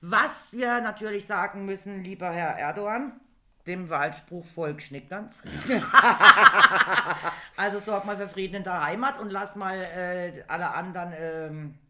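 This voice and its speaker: A woman's voice: on the low side, a little slow, pushed and bright, a little hiss or hum. A woman chatting casually, reading out facts and laughing often. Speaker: co-host. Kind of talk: casual chat. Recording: roomy echo.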